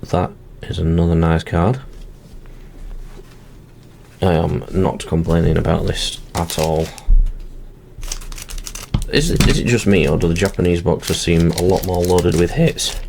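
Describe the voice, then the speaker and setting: A man with a low voice gives casual, running commentary as he works through a box of card packs. He is chatty and narrates each small step aloud as he goes. A faint background hiss sits under his voice. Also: measured pace, gravelly, long pauses, darkish tone. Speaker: channel host.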